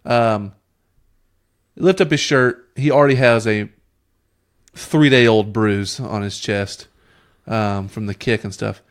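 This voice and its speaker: A man's voice: lowish voice, steady tone, slow, pauses often. A man co-hosting a podcast, ranting about a TV episode in casual chat with exasperated sarcasm. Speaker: podcast co-host.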